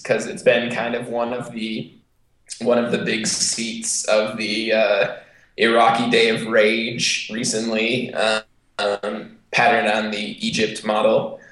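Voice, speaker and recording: A man's voice: mid-range voice, fairly even intonation, measured pace, a bit bright, reverberant, rough recording. An American man co-hosting a casual podcast discussion in a hesitant, wordy way, over a remote call from a bare room that sounds like a bunker. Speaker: podcast co-host. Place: sparsely furnished bare room with a desk, indoors.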